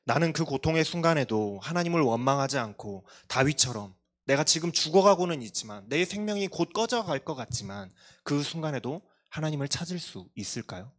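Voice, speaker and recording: A man's voice: on the high side, very animated, fairly quick, hardly any pauses. A male pastor giving a sermon to a youth congregation, earnest and confessional, with self-deprecating asides. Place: church.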